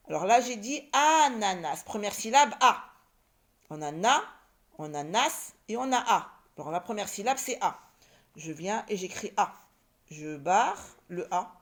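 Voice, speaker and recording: A woman teaching young children to read, sounding out words syllable by syllable and repeating them. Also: mid-range voice. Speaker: primary school teacher. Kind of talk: reading lesson for young children.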